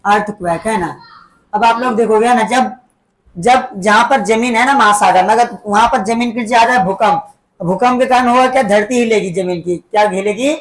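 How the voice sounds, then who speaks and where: A woman's voice: fairly high pitch, normal speed. A woman teaching a school class, explaining step by step and constantly asking pupils to repeat key words back, tagging her sentences with little check-ins. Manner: keeps quizzing the class with repeat-back questions; tags sentences with "है ना" and "ठीक है बेटा". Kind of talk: classroom lesson.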